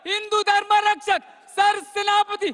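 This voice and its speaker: A man announcing a speaker at a political rally with drawn-out, chanted shouts. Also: very high voice, completely flat delivery, a faint crowd.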